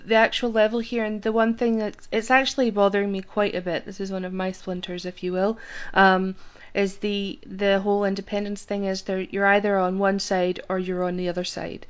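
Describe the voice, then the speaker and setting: Casting: female co-host, Canadian accent, mid pitch, lo-fi recording, chatty and agreeable. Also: little pitch movement, a little fast, hardly any pauses, clean tone. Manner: chatty, agreeable, laughs easily. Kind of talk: casual conversation. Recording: dull lo-fi sound.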